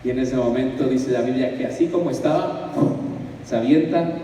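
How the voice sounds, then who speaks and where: A man preaching a sermon, lively and conversational, full of rhetorical questions. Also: mid-range voice, normal speed, slight background noise. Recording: echoey hall from far off.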